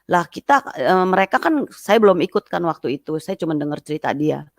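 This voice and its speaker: A woman telling a personal testimony as a guest, lively and acting out the voices of people she quotes. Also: a little fast, no room sound, studio quality. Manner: lively, acts out quoted voices in a high pitch.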